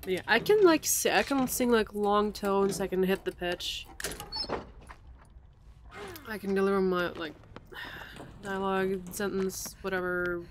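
A woman streaming a game in casual chat, sniffling and sounding stuffy and sick, rambling and laughing easily. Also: mid-range voice. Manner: chatty, rambling, quick to laugh. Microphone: desk mic. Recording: noisy home stream audio.

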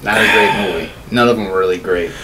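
A man in his thirties co-hosts a podcast from a small home studio, casually giving blunt opinions and swearing freely into a desk boom-arm mic. He has a deep voice and talks fast, with clearly audible background noise.

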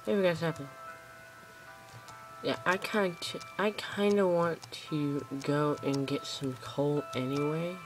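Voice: medium pitch, fairly even intonation, a little slow, over music, poor audio. A gameplay host chatting casually to viewers while playing, recorded on a phone aimed at a screen at home. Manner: chatty, rambling, talks to viewers. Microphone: phone camera pointed at a screen.

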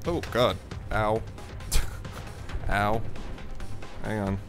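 A man's voice: fairly low pitch, steady tone, extremely slow. A man at a desk mic, chatting casually and laughing often as he plays a strategy game. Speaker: gaming channel host. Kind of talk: casual let's-play commentary. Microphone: desk mic on a stand. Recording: game music behind.

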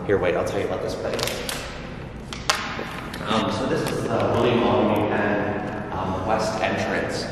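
A young man chatting casually as a vlog companion, joking and telling deadpan tall tales like a mock tour guide. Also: lowish voice, unhurried, long pauses. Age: young adult. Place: large hotel lobby, indoors. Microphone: camera held by companion, some distance away. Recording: echoey, reverberant lobby with background noise.

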